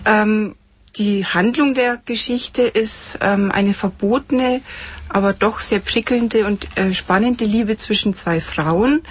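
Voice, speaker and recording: Hesitant, husky woman author. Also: medium pitch. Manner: hesitant, many fillers. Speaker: author and literary circle founder. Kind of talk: interview and reading from her own book. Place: studio.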